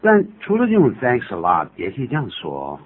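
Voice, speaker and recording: Brisk and slightly rough, a mid-range male voice delivers a radio English lesson, explaining phrases in a joking, conversational way. The teacher-host is animated and laughs at his own examples, heard over tinny, hissy, phone-like radio sound.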